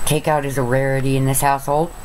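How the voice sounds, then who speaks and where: A woman's voice: a bass voice, little pitch movement, quick pace, darkish tone. A middle-aged woman vlogging casually from her bed, rambling and chatty, often calling her viewers "guys". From Arizona. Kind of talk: casual vlog monologue. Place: bedroom, lying in bed. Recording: noisy home webcam recording.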